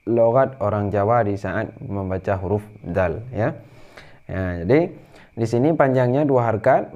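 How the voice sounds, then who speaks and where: A man with an Indonesian accent teaching Quran recitation rules, explaining patiently and then chanting verses in a drawn-out higher voice. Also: a little mellow, highs cut off. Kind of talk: tajwid lesson with chanted recitation.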